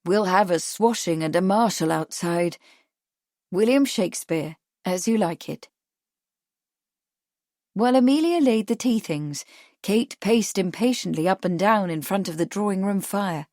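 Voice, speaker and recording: A woman reading a mystery audiobook as narrator in a measured, even way. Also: mid-range voice, no room sound, studio quality. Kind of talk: scripted narration.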